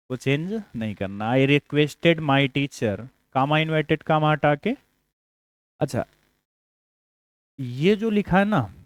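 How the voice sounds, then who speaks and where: A man's voice: a little high, smooth, no room sound. A man with a Hindi accent teaching English grammar for exams, explaining step by step, asking the class questions and dropping small jokes. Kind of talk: exam-prep grammar lesson.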